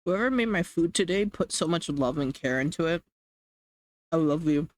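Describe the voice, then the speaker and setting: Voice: medium pitch, lively intonation, moderate pace. A livestreamer chatting casually with chat while eating, rambling and hedging with lots of fillers. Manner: rambling, hedging with many "like"s, reading chat aloud.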